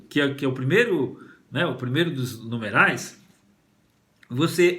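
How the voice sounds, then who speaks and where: A man with a Brazilian Portuguese accent giving a language lecture, explaining step by step and often checking in with "né?". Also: on the high side. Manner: explanatory, frequent "né?" tag questions, lively intonation. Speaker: language teacher giving a talk.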